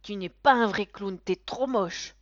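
A woman voicing a bratty little boy at his birthday party, shrill and shouting. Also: measured pace, no room sound, natural voice. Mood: defiant, rude. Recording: dull, dry recording.

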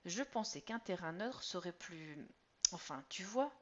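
A woman's voice: on the low side, expressive, measured pace, a bit bright. A woman reading a story aloud, voicing a tense middle-aged lawyer father who speaks in clipped words while holding back his anger. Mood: defensive. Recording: slightly dull lo-fi recording.

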